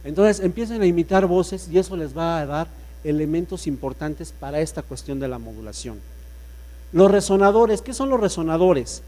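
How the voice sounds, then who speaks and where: Here a jokey man with a dark-toned voice runs an energetic public speaking workshop for an audience in the room. He demonstrates by pushing his pitch and volume up and down.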